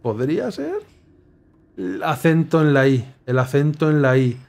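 A young man playing a puzzle game and thinking aloud, muttering clues to himself with sudden excited outbursts. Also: a little high, a little slow. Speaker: gameplay streamer. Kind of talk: casual puzzle game commentary.

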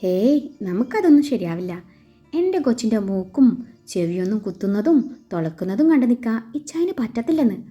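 A woman's voice: on the high side, big pitch swings, fairly quick, mellow. A woman voicing an affectionate, protective young man coaxing his girl in a read-aloud story. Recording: slightly dull with faint music.

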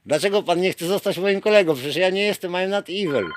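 A man's voice: sits high, a little hiss or hum. A man filming himself while mockingly bantering with a police officer outside a station at night, teasing and theatrical, calling out names. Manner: teasing, theatrical, calls out names in drawn-out shouts. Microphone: handheld camera.

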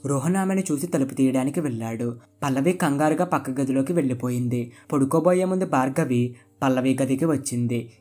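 A storyteller giving scripted story narration in a steady read-aloud delivery. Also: mid-range voice, a little fast.

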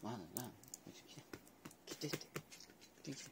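In a very noisy recording, a man at a moderate pace chats casually with his pet dogs at home. He's a vlogger predicting a horse race with them, and his tone is playful and coaxing.

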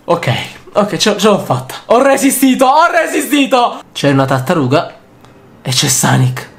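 A young man hosting a reaction video, excitable and quick to shout and laugh between comments. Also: high-pitched, vocal fry. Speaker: YouTuber host.

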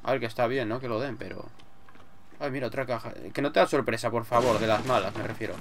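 A man's voice: mid-range voice, steady tone, quick pace, background noise. A man with an accent from Spain giving casual, sweary gameplay commentary, muttering to himself as he plays. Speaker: gamer, let's player. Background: game music.

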